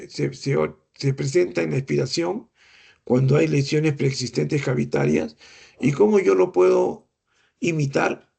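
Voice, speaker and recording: A middle-aged man lectures on clinical examination with patient explanations, rhetorical questions and imitated breath sounds. His voice is rough, gravelly and husky, pitched a little high. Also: a little mellow. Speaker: medical lecturer.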